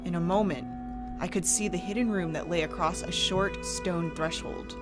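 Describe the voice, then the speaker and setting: Woman as low, haunting gothic brother narrator, music behind. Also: fairly even intonation, normal speed, close to an everyday voice. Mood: hushed dread. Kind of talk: dramatic first-person horror story narration.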